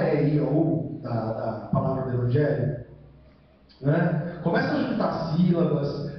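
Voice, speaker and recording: A man's voice: on the high side, a little hiss or hum. A man with a Brazilian accent preaching a church sermon in a conversational way, often tagging "né?" onto his sentences and asking rhetorical questions, then answering them himself. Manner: conversational, with constant "né?" tag questions. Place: church hall. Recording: echoey church hall, mic far off, dull sound.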